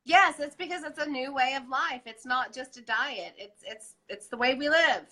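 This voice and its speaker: Woman host, high voice, bright sharp tone, gushing, live-stream chat. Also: normal speed, low-quality recording. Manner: gushing, enthusiastic, affectionate. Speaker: host of a live wellness show.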